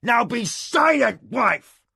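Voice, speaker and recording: A man voicing a hot-tempered, domineering lord who shouts at his wife, in a raspy, gravelly voice. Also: medium pitch, sing-song, slow pace, no echo, studio quality, full character voice. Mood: furious shouting.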